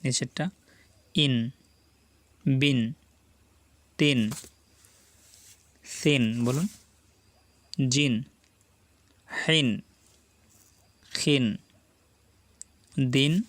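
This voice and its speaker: Slow, deliberate Bangladeshi Bengali male teacher. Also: medium pitch, fairly even intonation, fairly bright tone. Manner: slow and deliberate, drilling syllables and asking viewers to repeat. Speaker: Quran reading teacher. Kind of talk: slow spelled-out recitation lesson.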